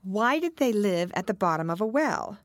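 A woman's voice: mid-range voice, very animated, normal speed, no echo, pitched above the performer's own voice, close to an everyday voice. Storybook girl: curious, polite, earnest, voiced by a woman reader.

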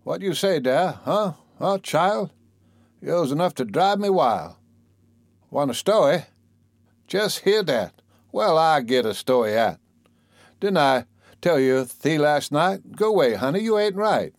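A man's voice: on the high side, animated, measured pace, pauses often, no echo, studio quality, voice pushed up. A man reciting as a folksy old storyteller with a drawl. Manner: fond, scolding, folksy drawl. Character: old storyteller coaxing a fussy child. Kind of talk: dialect poem recitation.

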